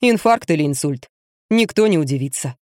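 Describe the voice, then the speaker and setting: A woman voicing a calm, blunt young male fitness trainer who speaks curtly and matter-of-factly. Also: sits low, a little fast, no echo, studio quality, voice pushed down. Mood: cool. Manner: cool, curt, matter-of-fact.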